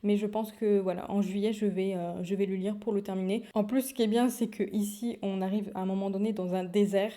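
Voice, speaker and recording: A woman's voice: mid-range voice, fairly even intonation, fairly quick, few pauses, warm tone. A young woman chatting casually on her video blog about books, full of fillers, restarts and little laughs. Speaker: book vlogger. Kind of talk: casual chat.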